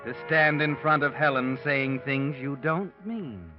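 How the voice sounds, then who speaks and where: A man's voice: mid-range voice, measured pace, natural voice. An actor playing a mysterious male narrator who addresses a murderer in the second person, in a 1940s radio drama. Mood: sinister. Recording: dull old radio recording. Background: radio drama music.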